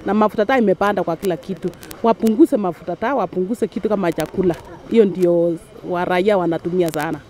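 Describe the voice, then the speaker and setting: A woman's voice: lowish voice, fast, mellow, slight background noise. A woman with a Kenyan accent answering matter-of-factly in an outdoor street interview, with a handheld mic. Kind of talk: vox pop street interview.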